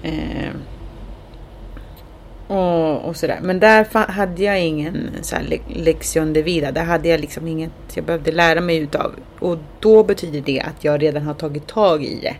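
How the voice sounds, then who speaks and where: Chatty woman with a low voice. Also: steady tone, a little hiss or hum. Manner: chatty, many fillers, acts out quotes. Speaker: guest telling her experience. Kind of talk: casual chat.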